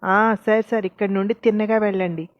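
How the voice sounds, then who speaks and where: A woman's voice: mid-range voice, steady tone, fast, no echo, highs cut off, close to an everyday voice. A sly, talkative servant woman in an audio storybook, as a woman narrator puts her on. Her coaxing is polite on the surface. The recording is dry and close.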